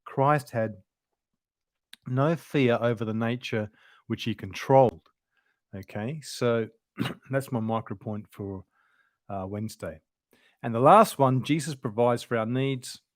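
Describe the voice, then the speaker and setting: Male Bible teacher, mid-pitched, conversational and explanatory, close dry sound. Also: measured pace, long pauses, no echo. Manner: informal, explanatory, thinks aloud. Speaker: Bible lesson presenter.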